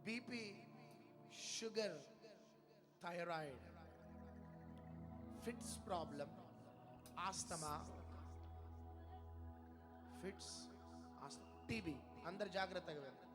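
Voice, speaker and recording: A man preacher leading a deliverance prayer, firing repeated commands and questions and bursting into shouts. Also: high voice, slow pace, pauses often. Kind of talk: charismatic deliverance sermon. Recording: loud music behind the voice.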